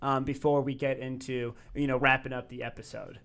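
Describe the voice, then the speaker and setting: A podcast co-host chatting excitedly and laughing often. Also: mid-range voice, brisk. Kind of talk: casual podcast chat.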